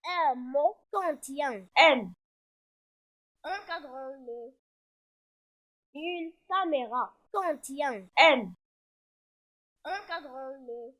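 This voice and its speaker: High-voiced lady teacher doing a kids phonics lesson, really slow, clear and repetitive. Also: lively intonation, fairly bright tone.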